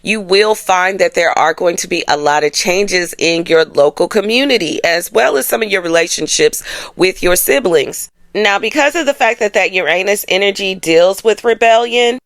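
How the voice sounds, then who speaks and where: An American woman with a medium-pitched voice talks at normal speed, recorded without echo. She hosts an astrology channel, giving an informal forecast in a colloquial, emphatic way and often adding check-in tags.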